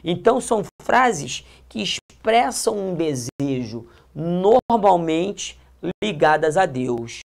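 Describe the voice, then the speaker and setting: Brazilian woman, grammar teacher; low, gravelly voice with an emphatic, chatty classroom delivery. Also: sing-song, slow pace. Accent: Brazilian Portuguese. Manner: emphatic, repeats key points, colloquial asides. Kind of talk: classroom-style video lesson.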